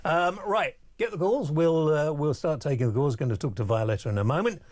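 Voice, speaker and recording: A man hosting a live late-night talk radio show with smooth host patter, bringing callers on air and chatting with his co-host. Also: on the high side, lively intonation, a little fast, a little mellow, dry recording, clean studio sound. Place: radio studio. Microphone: studio microphone.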